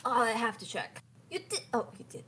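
Young female livestreamer, Korean accent, high and playful, faint noise behind her. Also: fairly quick. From South Korea. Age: young adult. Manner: animated, teasing. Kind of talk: casual playful livestream banter. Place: indoor room at home.

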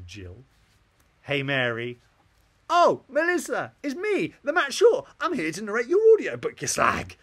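A man's voice: mid-range voice, bright, forceful tone, breathy edge. An English man and author talking in a casual, profane, joking vlog monologue. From England.

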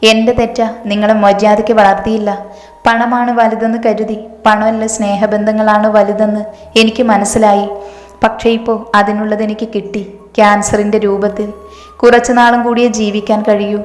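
A woman's voice: medium pitch, little pitch movement, normal speed, lightly acted. Anxious middle-aged mother, read by a woman. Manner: anxious, questioning. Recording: echoey room with long reverb.

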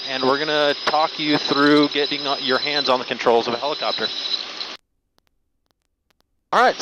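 A helicopter flight instructor explains things casually and enthusiastically while flying a small helicopter, his manner reassuring and his voice on the high side. He talks into an aviation helmet headset mic, and the audio carries loud cabin noise from the engine and rotors.

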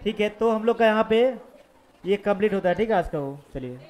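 A man's voice: high-pitched, expressive, a little fast, darkish tone. A male physics teacher lecturing a class of students, mixing Hindi and English, dictating notes and quizzing them with questions. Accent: Hindi-English mixed, Jharkhand region.

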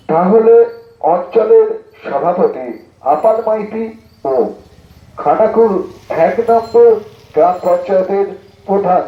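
A man makes a formal public announcement through a megaphone, declaiming in measured short phrases with pauses. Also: high voice. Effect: amplified through a megaphone. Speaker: political party announcer. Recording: echoey, dull lo-fi loudspeaker sound.

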